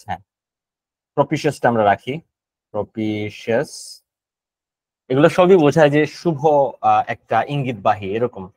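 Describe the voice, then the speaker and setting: A man's voice: medium pitch, no room sound, poor audio. A Bangladeshi man teaching an online GRE vocabulary class, explaining word meanings casually and thinking aloud. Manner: casual and thinking aloud, mixing English words into Bengali explanations.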